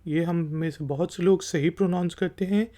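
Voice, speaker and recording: Warm in tone and mid-range in pitch, this voice keeps a fairly even intonation at normal speed. It is a Pakistani language teacher giving a patient explanatory lesson, spelling each word letter by letter and repeating it.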